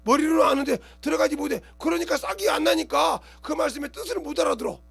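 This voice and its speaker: High, gravelly-voiced pastor preaching fast. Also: male voice. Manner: colloquial preaching, keeps asking the congregation if they understand; animated, acts out scenes with gestures and quoted voices. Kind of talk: sermon.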